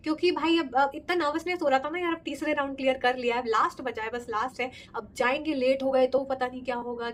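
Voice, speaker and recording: A young woman from India tells her story to the camera in a chatty, expressive way, slipping English phrases into her talk. Her throat is sore, and her voice sits a bit high. A faint hiss of noise runs underneath. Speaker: vlogger. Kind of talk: casual storytelling vlog.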